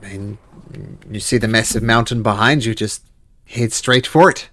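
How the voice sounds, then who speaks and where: A man's voice: lowish voice, normal speed, fairly bright tone, lightly acted. A man playing a friendly, folksy male expedition outfitter in an improvised tabletop role-play game. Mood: matter-of-fact, helpful.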